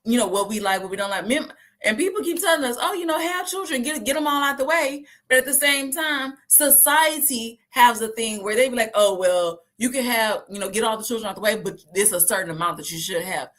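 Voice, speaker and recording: A woman, talking casually and lively to her viewers and acting out the voices she quotes. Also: on the high side, brisk. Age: 30s. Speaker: host.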